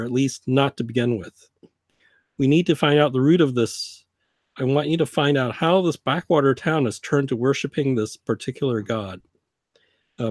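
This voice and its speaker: A man voicing a stern male leader who briefs agents in a measured, formal way for a tabletop game. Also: mid-range voice, dry recording, clean studio sound, close to an everyday voice.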